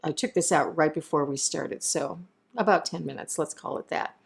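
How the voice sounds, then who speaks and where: A woman's voice: sits low, normal speed, creaky, breathy edge. A woman chef giving a chatty cooking demonstration in a home kitchen, explaining each step and wandering into side notes.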